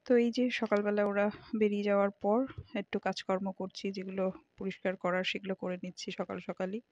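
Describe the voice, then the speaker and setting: A woman's voice: mid-range voice, little pitch movement, quick pace, a little mellow, lo-fi sound, slight background noise. A middle-aged woman, chatting casually to viewers in a home vlog while doing kitchen chores. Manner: chatty, homely, addresses viewers directly. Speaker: vlogger.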